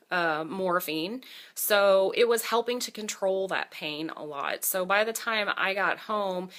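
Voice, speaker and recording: A woman's voice: mid-range voice, pushed and bright. A woman vlogger telling a personal story in a casual, candid, conversational way, with dry asides. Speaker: vlogger giving a surgery recovery update.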